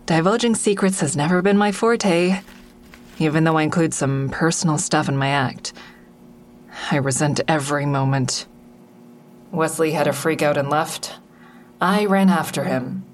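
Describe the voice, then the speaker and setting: In an audio drama, an actress with a low voice plays a guarded, agitated, sardonic woman who is both narrator and lead, delivering first-person narration and dialogue. She speaks a little slowly with frequent pauses, in a tense, brooding mood, sounding sardonic and exasperated.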